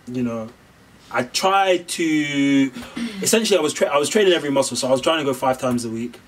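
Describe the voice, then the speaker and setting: Laid-back young man, mid pitch. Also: a little fast, distant mic, slight background noise, low-quality recording. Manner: laid-back, explains loosely. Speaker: host. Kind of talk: casual chat.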